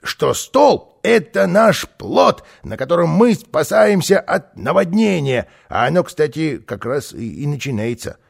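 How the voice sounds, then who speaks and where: Man putting on Karlsson, a cocky creaky show-off. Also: fairly high pitch, very animated, a little slow, few pauses, heavily acted. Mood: boastful, teasing. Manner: showy, singsong, self-praising. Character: boastful, mischievous plump little man who flies. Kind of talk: storybook reading, voiced character.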